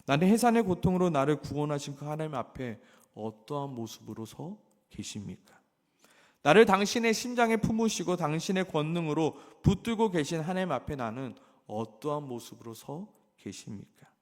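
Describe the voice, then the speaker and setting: A male pastor preaches in a fairly high voice, his words ringing out with a long reverb. He moves from loud, urgent emphasis to hushed low passages. He keeps asking his congregation pointed rhetorical questions. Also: very animated, normal speed. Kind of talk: sermon.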